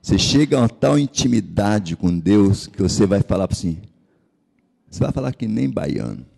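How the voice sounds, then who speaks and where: A man's voice: fairly low pitch, sing-song, normal speed, gravelly, darkish tone, breathy edge. A man from Espírito Santo with a Capixaba Brazilian accent, preaching an impassioned sermon as pastor and asking the congregation rhetorical questions. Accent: Capixaba Brazilian Portuguese.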